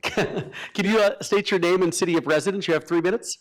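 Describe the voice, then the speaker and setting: A man chairing a council meeting, calling speakers and keeping time in a polite, brisk way. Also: high voice. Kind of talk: formal meeting procedure.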